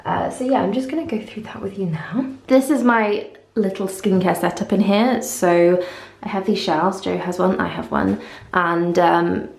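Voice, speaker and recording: A woman's voice: medium pitch, steady tone, moderate pace, creaky, a little mellow. A woman vlogger talking casually to camera in an echoing bathroom, chatty and informal with little self-deprecating asides. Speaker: beauty vlogger. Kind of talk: casual chat to camera, morning routine walkthrough. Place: small indoor bathroom. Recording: echoey tiled bathroom.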